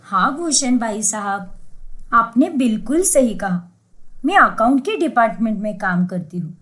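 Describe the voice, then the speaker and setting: A young daughter-in-law from a cartoon story who is keeping a secret, played by a woman. Her voice rides a little high and moves lively up and down. Her anxious mutters to herself sit beside polite, careful replies. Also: unhurried.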